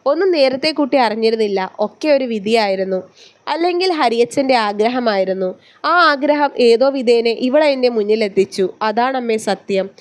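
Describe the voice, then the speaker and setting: A woman voicing a firm, protective young husband in a read-aloud story, speaking calmly and steadily. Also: fairly high pitch, natural voice.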